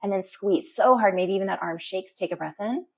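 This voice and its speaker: The clip features a woman instructor calmly directing a deep relaxation meditation, pausing slowly as she instructs. Its audio is muffled and dull, distinctly lo-fi.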